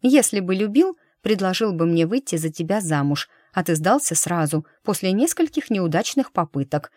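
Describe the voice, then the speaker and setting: A woman reading a lively, teasing young woman in an audiobook, quick and emotional in her lines. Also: on the low side, no room sound, studio quality. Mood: indignant.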